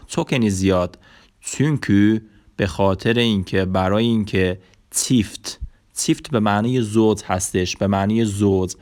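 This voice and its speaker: A man teaching a language lesson, saying example words slowly and carefully between short explanations and fillers. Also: fairly low pitch. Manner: slow, carefully spelled-out word examples with fillers.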